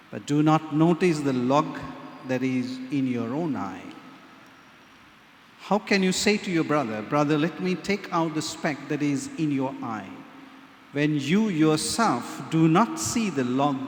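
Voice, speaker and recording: A man, a priest reading the gospel and preaching in slow, measured, solemn phrases, his voice ringing in a cathedral echo. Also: a little high. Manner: slow, measured, solemn delivery with emphatic pauses. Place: large church. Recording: long echoey reverb of a large church.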